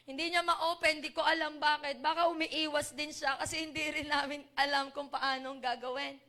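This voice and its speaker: A woman's voice: high-pitched, fairly even intonation, normal speed, sharp tone. A woman sharing a personal testimony with a congregation, speaking earnestly and emotionally. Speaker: church member giving testimony.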